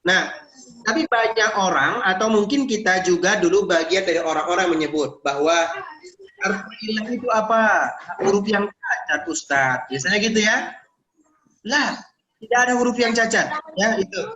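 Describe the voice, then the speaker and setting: An Indonesian man teaching Arabic grammar in an online university lecture, lively and teasing, drilling his students with questions. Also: high voice, normal speed. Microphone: video call. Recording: echoey room, dull lo-fi sound.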